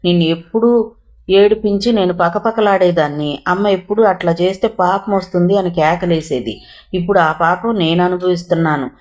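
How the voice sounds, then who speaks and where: Storybook heroine: a woman voicing a hurt, sharp-tongued young wife, lowish voice. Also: normal speed, close to an everyday voice. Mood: bitter. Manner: tearful, quarrelsome pleading.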